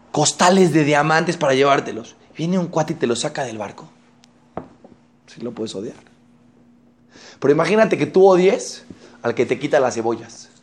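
A man giving a sermon, telling a parable and acting out its characters with sudden loud, high bursts and hushed, low asides.

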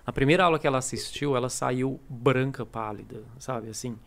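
A Brazilian man who works as an English teacher and coordinator chats on a casual podcast with a Brazilian Portuguese accent. His medium-pitched, fairly quick voice has vocal fry, and he tells animated little stories, acting out the quoted dialogue.

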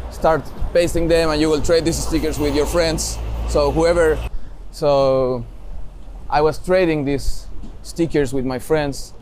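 A man from Chile with a Chilean Spanish accent, answering interview questions in a relaxed way and sometimes searching for English words. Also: on the high side, a little hiss or hum. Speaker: startup founder, interview guest. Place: outdoors in a city with traffic nearby.

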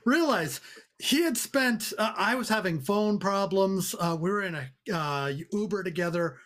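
A man's voice: sits high, expressive, moderate pace, a bit bright. A man co-hosting a podcast in a casual comic chat, with a wry, teasing manner. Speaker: podcast co-host.

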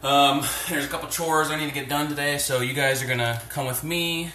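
A man's voice: fairly high pitch, fairly even intonation, brisk, pushed and bright, far from the mic, a little hiss or hum. A man hosting a podcast on his phone while doing chores at home, ranting bluntly and profanely with lots of fillers, his voice echoing around the room. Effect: echoey room sound. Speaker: podcast host. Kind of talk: casual rambling rant. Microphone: phone without headset. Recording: echoey room, phone held away.

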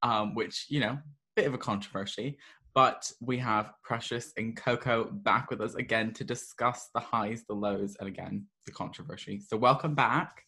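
A man's voice: on the low side, normal speed, pushed and bright. A man hosting a podcast in a casual, conversational way. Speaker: podcast host.

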